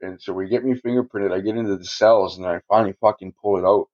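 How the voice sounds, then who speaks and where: This fast-talking man has a lowish, somewhat mellow voice and fairly even intonation. Rambling through a long personal tale for a casual podcast, he curses freely and chuckles a lot, and the lo-fi recording sounds dull.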